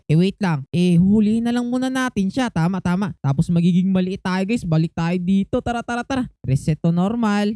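Woman gamer narrating her play, chatty, mellow voice, dry close mic. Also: medium pitch, no echo. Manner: chatty, keeps calling out to the viewers. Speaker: gaming channel host. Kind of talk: playful gameplay commentary.

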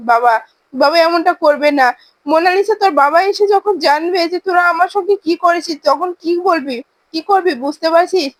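A woman's voice: very high-pitched, a little fast, dry recording. A woman voicing a desperate mother locked in a room, pleading and reproaching her captors.

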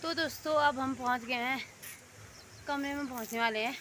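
A woman's voice: sits high, normal speed, a bit bright. A woman, chatting and complaining to her viewers in a casual vlog. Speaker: vlogger. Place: outdoors in a market and streets. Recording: noisy street background.

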